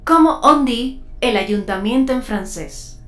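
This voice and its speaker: A woman co-hosting a broadcast lesson, reading out viewers' questions in a measured way. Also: fairly high pitch, animated. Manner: measured, reads messages aloud.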